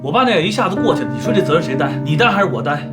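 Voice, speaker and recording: A man's voice: on the high side, very animated, rapid-fire, music in the background. An actor playing an indignant middle-aged husband, a doctor, who keeps pressing his wife in a heated argument. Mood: accusing. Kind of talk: TV drama acting.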